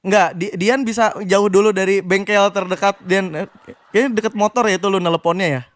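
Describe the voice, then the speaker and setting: A man's voice: high voice, fairly even intonation, a little fast, no echo, clean studio sound. A young man hosting a live radio matchmaking call-in, joking and teasing the callers. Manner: teasing, jokey, bursts into hype when announcing. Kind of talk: playful live call-in banter.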